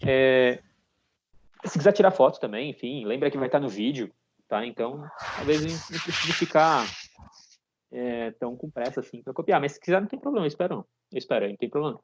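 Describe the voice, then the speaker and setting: A man's voice: medium pitch, animated, fairly quick, highs cut off, background noise. Man in his thirties teaching an online class. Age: 30s. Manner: explains step by step, ends phrases with a checking "tá?". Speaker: programming teacher.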